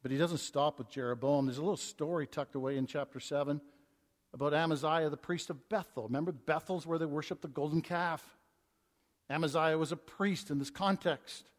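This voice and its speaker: A man preaching an expository sermon, reading scripture aloud and swinging between hushed and emphatic delivery, with stumbling restarts. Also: a little high, fairly quick. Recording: long reverb of a large hall.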